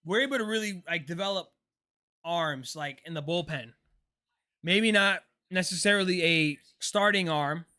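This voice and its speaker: Bright-voiced young man chatting on a live stream. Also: high-pitched, normal speed. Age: 20s. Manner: relaxed, chatty, answers chat questions, says "bro". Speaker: livestream host. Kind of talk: casual live-stream chat and game reactions.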